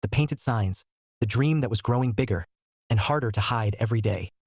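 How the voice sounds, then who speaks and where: A man reading a romantic story aloud in a steady, measured narration. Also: medium pitch, husky, dry recording.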